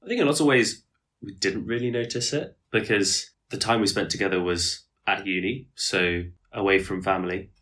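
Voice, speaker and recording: A man from the UK co-hosting a podcast, talking in a thoughtful, measured way. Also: fairly low pitch, fairly bright tone. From United Kingdom. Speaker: podcast co-host. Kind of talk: casual chat.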